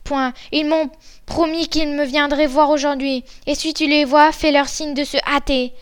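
A woman's voice: high-pitched, level tone, moderate pace, lightly acted. A woman voicing a terrified young wife who begs for time and anxiously calls to her sister in a fairy tale. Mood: pleading. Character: frightened young wife, desperate and pleading.

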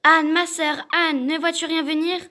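A woman's voice: very high voice, level tone, normal speed, pushed and bright. A woman reading the part of a frightened young wife in a fairy tale, pleading and calling out anxiously. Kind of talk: storybook reading of a classic tale.

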